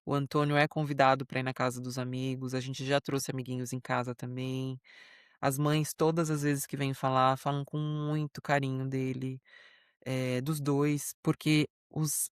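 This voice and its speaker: A woman's voice: rumbling low, level tone, moderate pace, clear, resonant tone, no echo, studio quality. A Brazilian woman co-hosting a podcast, telling stories in a chatty, proud, easygoing way. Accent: Brazilian Portuguese. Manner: warm, proud storytelling, chatty with many fillers. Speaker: podcast co-host. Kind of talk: casual chat between friends.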